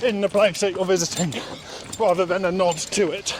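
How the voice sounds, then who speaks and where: High-pitched man talking while running outdoors. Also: fairly even intonation, normal speed. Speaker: interview guest. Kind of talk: casual interview answers. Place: outdoors in an urban area, on the move. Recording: clearly noisy outdoor urban recording.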